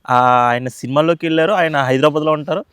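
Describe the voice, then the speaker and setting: A man interviewing a guest, with a Godavari Telugu accent, warm and full of praise, calling him sir often. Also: a little high, fast talker, no room sound. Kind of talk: casual interview questions.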